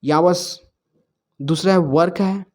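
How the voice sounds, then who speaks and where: A man teaching spoken English, saying example phrases slowly and often checking in with his listeners. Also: high voice, a little mellow. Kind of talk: explaining example sentences in a lesson.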